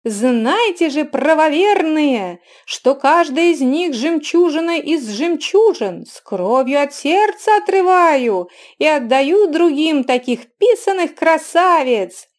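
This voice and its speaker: Lady putting on a shrill boy barker at a bazaar, slow stretched-out yelling, pushy and sweet-talking. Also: expressive. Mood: hawking. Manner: drawn-out, high, loud hawking calls.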